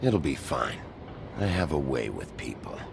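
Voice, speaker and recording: An actor voicing a gruff male sheriff who is a wolf in human form, speaking curtly and with dry deadpan humor. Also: very deep voice, unhurried, background noise, heavily acted.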